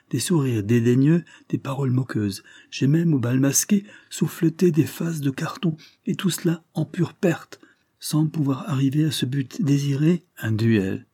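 A man voicing an exuberant young male friend who gushes with excited exclamations. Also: medium pitch, breathy edge, pitched above the performer's own voice, lightly acted.

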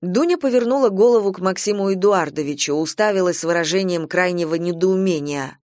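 A woman narrating an audiobook in a steady storytelling manner. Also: fairly low pitch, a little fast, dry recording, clean studio sound. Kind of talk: scripted narration.

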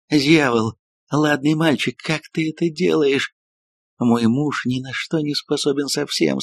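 A breathless, theatrical woman novelist gushes in exalted tones, as a male audiobook reader puts her on. The voice is husky and close, with no room around it at all. The delivery is even and measured despite the rapture. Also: mid-range voice, no echo. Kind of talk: audiobook reading.

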